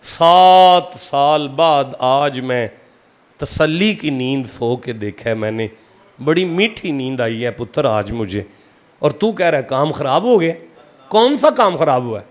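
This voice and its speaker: A man from Pakistan, preaching a sermon and telling a story that swings from hushed tones to shouting. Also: medium pitch, expressive.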